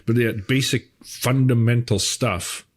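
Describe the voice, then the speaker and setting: A man's voice: medium pitch, fairly even intonation, unhurried. A middle-aged man, reading viewer questions and chatting in an easygoing way. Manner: easygoing, reads questions, laughs often. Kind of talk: casual chat.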